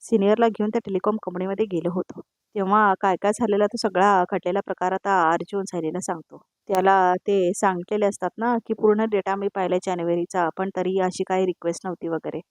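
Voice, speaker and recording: A woman recaps a TV serial in a chatty, opinionated voice-over that keeps repeating its connecting words. Her medium-pitched voice is recorded dry and close, with no room sound. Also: steady tone, quick pace, no room sound. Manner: conversational, opinionated, repetitive connectives. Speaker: serial review narrator.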